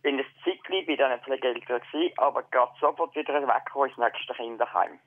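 A man from Switzerland, heard over the phone on a thin, phone-like line. He tells his story plainly, pausing and restarting. The sound is dry, with no room around it. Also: mid-range voice, no echo. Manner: halting, plain recounting. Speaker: caller.

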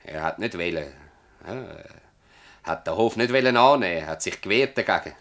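This actor voices a bitter, stubborn old farmer from a village in a radio play in Swiss German dialect. His low, slightly bright voice is brisk with lively intonation, and he rambles emphatically using rhetorical repetition, sounding stubborn and earnest.

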